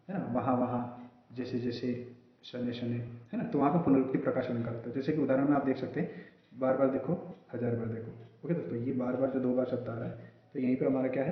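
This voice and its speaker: A man teaching a grammar lesson to students, explaining step by step and often checking in with his listeners. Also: medium pitch. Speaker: coaching class teacher. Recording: very echoey room, muffled lo-fi sound.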